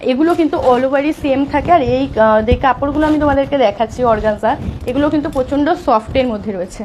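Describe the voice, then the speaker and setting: A woman selling sarees on a live stream, talking softly because of a sore throat and urging viewers to book fast. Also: high-pitched, slight background noise. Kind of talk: live sales pitch.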